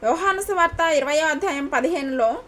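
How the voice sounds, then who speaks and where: A woman from India delivers a devotional sermon in a high, light voice. She speaks earnestly and circles back to the same questions again and again to drive her point home. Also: a little fast, a bit bright. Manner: earnest, repeats questions for emphasis. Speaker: preacher.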